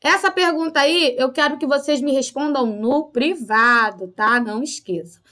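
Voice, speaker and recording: A woman teacher with a Rio de Janeiro accent gives a recorded lesson for children. Her voice sits high and comes across clear and bright. She explains patiently, often ending sentences with short questions to check the class is following. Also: moderate pace. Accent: Rio de Janeiro Portuguese. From Rio de Janeiro, Brazil.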